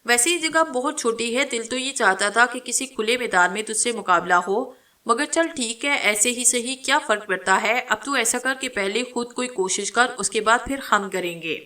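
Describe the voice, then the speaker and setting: A woman reading a calm old holy man. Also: a little high, distant mic. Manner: steady, unhurried, mildly mocking. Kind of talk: dramatic storytelling.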